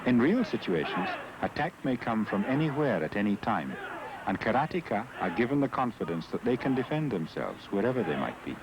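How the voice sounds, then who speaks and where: A man narrating a scripted documentary in a calm, measured, earnest manner. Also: fairly low pitch, noisy background.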